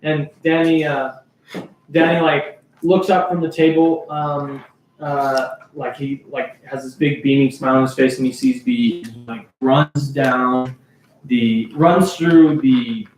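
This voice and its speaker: A man's voice: mid-range voice, steady tone, unhurried, darkish tone. Rambling young male game master. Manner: rambling, full of fillers and laughs. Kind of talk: narrating a tabletop game. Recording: echoey room, distant mic, noise.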